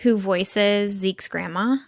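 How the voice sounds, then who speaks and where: A woman's voice: mid-range voice, slow, creaky, no room sound, clean studio sound. A young woman co-hosting a podcast, chatty and enthusiastic, with frequent ums and likes. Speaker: podcast co-host. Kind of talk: casual chat.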